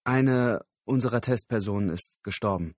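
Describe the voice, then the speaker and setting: A man's voice: fairly low pitch, moderate pace, darkish tone, no room sound, studio quality, natural voice. A man voicing an earnest, somewhat awkward male product researcher.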